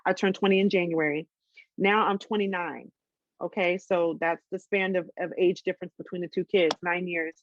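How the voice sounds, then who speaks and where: A woman's voice: lowish voice, fairly even intonation, normal speed, dry recording, lo-fi sound. A woman in her twenties telling a personal story in a casual interview, candid, with many ums and restarts. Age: 20s.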